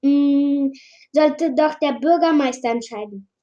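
A woman reads a first-person adventure tale aloud in a high voice at an unhurried pace. She stumbles and restarts now and then, keeping it informal. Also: dark tone, highs cut off, soft background music. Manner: slow, with slips and restarts. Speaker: storybook reader. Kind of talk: casual reading of fan fiction aloud.

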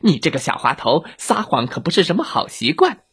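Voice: medium pitch, big pitch swings, brisk, a bit bright, voice pushed up, full character voice. A narrator doing a blustering big bad wolf. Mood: flustered. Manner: gruff, bragging, easily flustered. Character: blustering boastful male wolf.

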